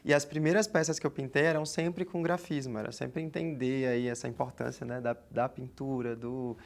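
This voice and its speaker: A man's voice: mid-range voice, fairly even intonation, moderate pace, creaky. Chatty young man in his twenties. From Amazonas, Brazil. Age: 20s. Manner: chatty, reflective, many "né" fillers. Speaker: guest. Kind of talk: casual interview talk.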